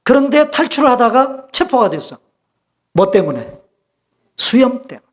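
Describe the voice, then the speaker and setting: A male pastor delivering a Sunday sermon, his voice sitting high for a man. He keeps turning to the congregation with rhetorical questions, pushing his voice up and louder on his key points. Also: sing-song, normal speed.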